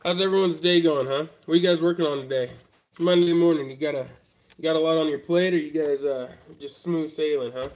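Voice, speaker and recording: This stuffy-voiced streamer, congested from a head cold, speaks a little high in a steady, brisk, slightly mellow tone. He works at a hobby workbench, chatting in a laid-back way and talking straight to his live-stream viewers.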